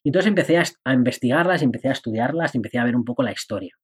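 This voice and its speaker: A man talks through his podcast in a loose, chatty way, poking fun at himself and slipping into little acted-out voices. His voice is slightly husky and sits at an average pitch for a man. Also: expressive, racing. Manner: chatty and playful, laughs at himself, acts out inner voices. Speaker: podcast host and personal development coach. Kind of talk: casual podcast monologue.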